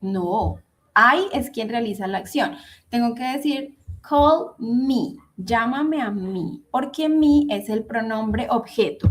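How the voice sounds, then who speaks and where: A woman's voice: a little high, a little hiss or hum. A woman giving an online English grammar lesson, patiently repeating and spelling out each example. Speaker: English teacher.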